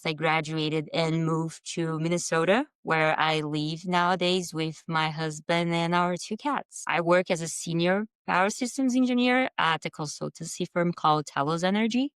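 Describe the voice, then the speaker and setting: A woman's voice: low voice, clear, resonant tone, no room sound. A woman in her thirties with a Brazilian accent, telling her story as a podcast guest in a friendly, conversational way. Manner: conversational, friendly, with fillers and small restarts. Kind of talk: casual podcast interview.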